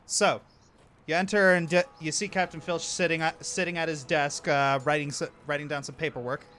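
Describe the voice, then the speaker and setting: A man's voice: on the high side, steady tone, bright, forceful tone. A man narrating a tabletop game casually as game master, often backtracking on his sentences. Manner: halting, backtracking.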